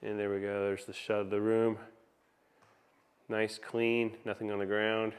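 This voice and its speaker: This man's voice is lowish, clear, and resonant, but his delivery is flat and a little slow. Shooting handheld with a phone in a spacious open living room, he presents an audio installation in an informal, eager, salesman-style walkthrough.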